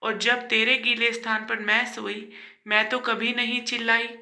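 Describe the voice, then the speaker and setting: Brief: a woman doing a patient, loving elderly mother in a storybook tale, bright and high, gently pleading. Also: flat delivery, measured pace, echoey room, full character voice. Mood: reproachful.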